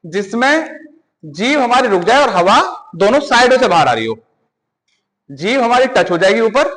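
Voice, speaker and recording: High-voiced Hindi teacher drilling sounds. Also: male voice, very animated, fairly bright tone, rough recording. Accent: Hindi, north Indian. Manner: asks the class questions and answers them himself, repeats sounds slowly. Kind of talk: classroom-style grammar lesson.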